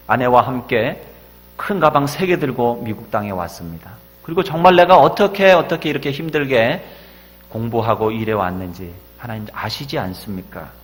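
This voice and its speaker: A male pastor acting out a desperate middle-aged man pleading loudly with God in an echoey church. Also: fairly high pitch, voice pushed up, natural voice. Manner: anguished, crying out in loud pleading.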